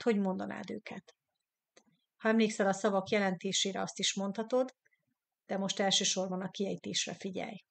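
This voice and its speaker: A Hungarian woman teaching English in a live online lesson. She says English words slowly twice, then gives their meaning in Hungarian, and chats in an encouraging way with her viewers. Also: mid-range voice, gravelly. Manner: chatty and encouraging toward viewers.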